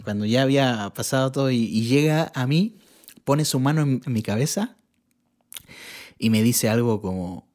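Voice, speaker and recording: A man from Chile, a church bass player, telling his testimony in a relaxed chat and acting out the people he quotes. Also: normal speed. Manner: animated, acts out the people he quotes. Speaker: guest sharing his testimony. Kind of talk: casual storytelling.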